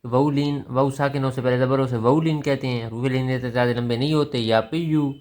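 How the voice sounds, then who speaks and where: A man with a Pakistani Urdu accent teaching Quran recitation. He patiently spells out each letter with its vowel mark, then slowly chants the verse. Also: medium pitch, steady tone, darkish tone.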